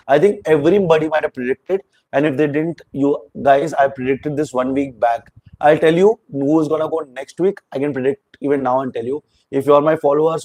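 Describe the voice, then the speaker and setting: A man's voice: medium pitch, warm tone, dry recording, poor audio. A man giving a rambling, opinionated spoken review of a reality show, mixing in Hindi words.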